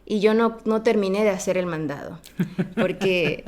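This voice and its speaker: A woman guest on a podcast, telling a childhood story in a casual, animated way and acting out the voices of the people in it. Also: medium pitch, moderate pace.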